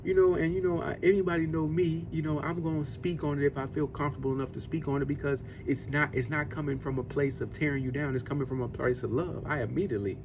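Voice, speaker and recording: Fast and with hardly any pauses, a man in his forties speaks in a fairly high, flat voice that barely moves in pitch, with background noise present. As a podcast host, he offers an earnest, preachy faith-based motivational talk on discipline and eating, looping back over the same points.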